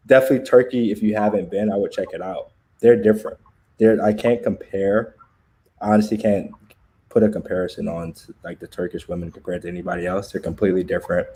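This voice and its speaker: A relaxed American man with a lowish voice hosts a casual livestream chat. He talks in loose slang, laughs easily and drifts between stories. A faint room hum sits under his voice. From United States. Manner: laid-back, laughs often, loose slangy talk. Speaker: livestream host.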